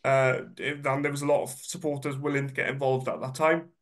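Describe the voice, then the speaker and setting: This man in his 30s talks briskly in a mid-range voice with a flat delivery. He's a guest speaker with a cold that leaves him congested and a bit nasal, and his personal presentation is chatty and self-mocking, scattered with ums and uhs.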